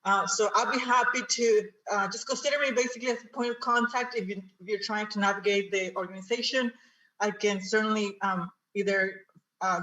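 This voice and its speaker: A woman on a video call introduces herself as a community liaison in an informal way. Her audio crackles and drops in and out, as if from a loose cable. She sounds far from the mic in an echoey room, and her voice has a bright edge. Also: medium pitch. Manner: informal, offering help. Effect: audio cutting in and out like a loose cable. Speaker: public works community liaison. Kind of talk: introducing herself at an online council meeting. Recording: distant, echoey, dropping out.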